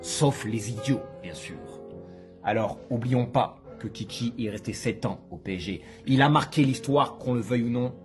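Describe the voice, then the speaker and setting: A man's voice: medium pitch, moderate pace, faint music behind. A man giving his football opinion in a sarcastic, lecturing manner. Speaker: football content creator. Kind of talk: opinion commentary.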